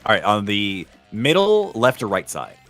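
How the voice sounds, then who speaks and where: A male game master with a fairly low voice, narrating a tabletop adventure in measured, formal phrases. Soft music plays behind him. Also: wildly swooping pitch.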